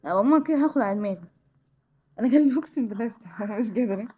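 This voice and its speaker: A woman with an Egyptian Arabic accent hosting a horror game let's-play, excitable and jumpy as she talks through her fright. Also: a little high, racing, breathy edge, muffled recording. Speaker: gaming channel host.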